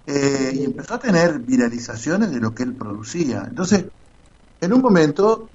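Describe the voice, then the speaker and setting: A man's voice: on the high side, big pitch swings, moderate pace, darkish tone, husky. A man with an Argentine accent telling a story in casual radio commentary, acting out the quotes as he goes. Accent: Argentine Spanish. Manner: storytelling, quoting others animatedly. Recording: muffled lo-fi sound.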